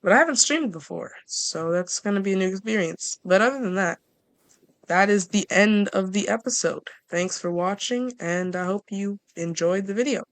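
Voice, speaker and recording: A casual gameplay commentator talks through their progress in a loose, rambling way, breaking off and restarting sentences. The voice sits at a middle pitch and has a playful, joking manner with viewers. The recording is dry, with no room echo. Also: normal speed. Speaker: gameplay video creator.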